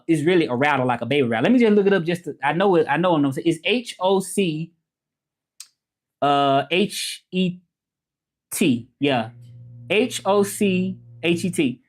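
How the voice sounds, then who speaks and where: This is a casual livestream about learning languages, hosted by a man from Memphis in the American South. His accented voice is a little high and moves at a moderate pace, and his talk is loose, rambling and repetitive as he reads comments.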